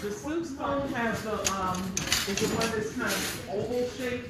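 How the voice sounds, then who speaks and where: A woman's voice: a little high, unhurried, heavy background noise. A woman instructor giving step-by-step directions to a group, patiently repeating each point. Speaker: etiquette class instructor. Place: busy tea room, recorded from across the room. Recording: distant, echoey phone recording amid crowd chatter.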